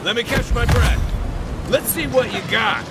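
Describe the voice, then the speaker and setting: A man's voice: high voice, huge pitch swings, brisk. An actor voicing a winded male fighter in a video game, speaking in short, breathless barks. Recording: roomy game audio with loud ambient noise.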